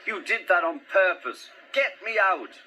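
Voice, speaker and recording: A man's voice: very high voice, sing-song, normal speed, pushed and bright, pitched above the performer's own voice, full character voice. A man voicing a cheeky, boastful young male tank engine in a storybook reading, bossy and indignant. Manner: bossy, then panicky and indignant. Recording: music playing behind.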